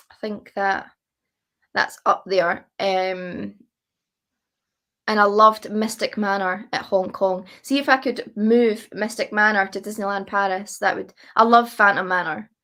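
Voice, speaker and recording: A woman's voice: medium pitch, fairly even intonation, a little slow, fairly bright tone. A woman chatting casually as a guest, gushing and repeating herself for emphasis. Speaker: interview guest. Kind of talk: casual chat.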